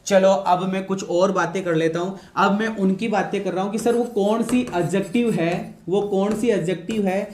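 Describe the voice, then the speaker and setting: A man's voice: sits high, fairly even intonation, normal speed, few pauses, a little mellow, slight background noise. A male teacher, giving a lecture, repeating each point and answering his own questions. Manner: repetitive, asks questions and answers them himself. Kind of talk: classroom-style lecture. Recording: echoey room.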